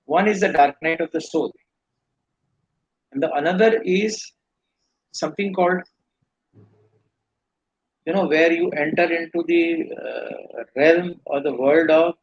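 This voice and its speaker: A man's voice: a little high, measured pace, pauses often, breathy edge, highs cut off. A man with an Indian accent giving earnest, rambling spiritual teaching in a live question-and-answer session. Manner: earnest, rambling explanations with restarts.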